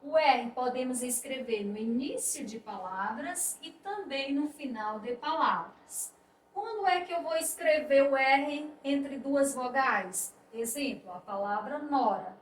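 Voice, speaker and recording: A woman teacher explaining spelling rules slowly and patiently, restating each point. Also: sits high, expressive. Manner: slow, explanatory, repeats points with "isto é". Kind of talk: spelling lesson. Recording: echoey room, voice a bit distant, faint noise.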